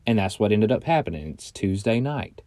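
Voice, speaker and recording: Podcast host, male, warm and mellow tone, recording inside a closet with a flat, dry sound, chatty and joking. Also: on the low side, normal speed, no room sound. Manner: loose, chatty and joking, with frequent fillers and mild swearing. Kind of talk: casual rambling solo podcast chat. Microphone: close studio mic, audio only.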